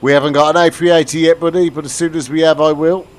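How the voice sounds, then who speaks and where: A fairly high-pitched British man talks fast with fairly even intonation as he streams himself flying a simulator. Chatty and casual, he explains the cockpit, answers viewers' comments, and keeps restarting his sentences in this commentary to chat.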